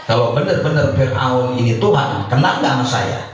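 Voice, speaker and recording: A preacher voicing a sly, proud male devil with booming declamation, recorded in an echoey hall from far off. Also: animated, normal speed, a little hiss or hum, lightly acted. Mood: scheming.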